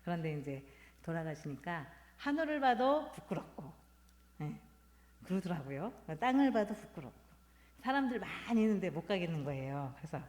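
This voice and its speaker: A woman in her fifties, a Won Buddhist minister, giving a halting, reflective talk at a Sunday service. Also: lowish voice, very animated, a little mellow. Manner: halting, reflective, personal storytelling. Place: temple hall. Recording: long hall reverb.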